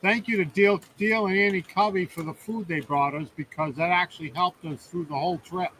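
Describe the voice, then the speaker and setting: A man's voice: high voice, fairly even intonation, a little fast, fairly bright tone, a little hiss or hum, low-quality recording. A man co-hosting a casual live stream, joking in an easygoing way.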